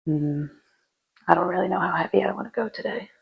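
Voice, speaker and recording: A woman's voice: on the low side, a little fast, vocal fry, slightly rough, dull audio. A woman chatting through her gym workout, giving casual lifting tips between sets, sometimes out of breath. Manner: chatty, rambling, with fillers. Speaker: fitness vlogger.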